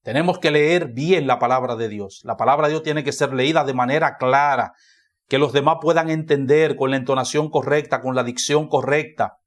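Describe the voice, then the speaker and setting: Emphatic Dominican pastor preaching. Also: male voice, a little high. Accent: Dominican Spanish. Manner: emphatic, repeats key phrases for emphasis. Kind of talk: sermon. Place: church.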